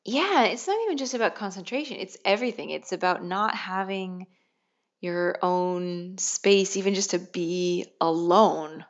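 A woman's voice: on the low side, a little slow. A young adult woman co-hosting a podcast in casual, emphatic conversation, recorded in an echoey room. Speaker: podcast co-host. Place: echoey half-furnished study at home. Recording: echoey room, dull muffled sound.

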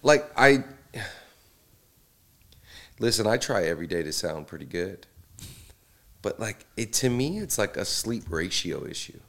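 A tired man with a raspy, froggy morning voice, chatting casually and playfully as a podcast host. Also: fairly low pitch, very animated, measured pace, long pauses. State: tired, under-slept. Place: in a house.

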